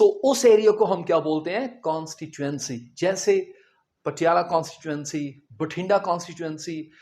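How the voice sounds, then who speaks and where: A man teaches vocabulary at an unhurried, measured pace. He spells each word out letter by letter, explains its meaning plainly, and keeps quizzing his students as he goes. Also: high-pitched, a little mellow. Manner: spells words letter by letter and explains them simply; addresses the students directly with questions. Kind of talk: vocabulary lesson.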